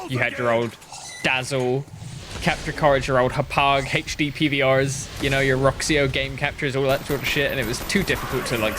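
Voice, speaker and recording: A man's voice: medium pitch, background noise. A man in his thirties, a gaming YouTuber rambling through casual commentary over gameplay with lots of swearing and self-mockery, talking into a headset mic.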